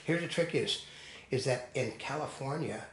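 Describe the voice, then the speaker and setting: A man's voice: mid-range voice, moderate pace. An older man co-hosts a casual talk, wandering from story to story and stating his views firmly. His voice sits mid-range and rings in a reverberant room with a light hiss behind it. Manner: digressive storyteller, firm opinions. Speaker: co-host. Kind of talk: casual discussion. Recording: echoey room with faint noise.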